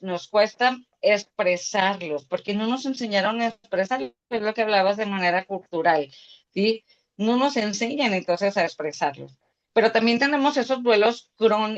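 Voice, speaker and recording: Lady therapist talking through a muffled call, keeps asking "¿sí?". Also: medium pitch. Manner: explanatory, frequent checking "¿sí?". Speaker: psychologist guest. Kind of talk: interview, explaining grief. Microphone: video call.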